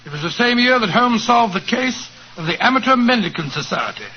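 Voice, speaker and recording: Doctor Watson, genial and high-pitched. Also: male voice, big pitch swings, a little fast. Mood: storytelling. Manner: warm, avuncular storytelling. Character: genial older doctor, Holmes's friend and narrator. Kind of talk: 1940s radio acting. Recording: dull old radio broadcast with hiss.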